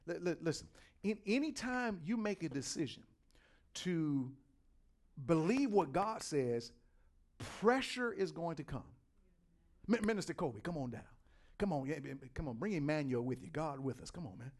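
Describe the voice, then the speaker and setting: A middle-aged male pastor preaching a sermon, repeating words and swinging from quiet asides to loud, driving points. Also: on the high side, lively intonation, normal speed.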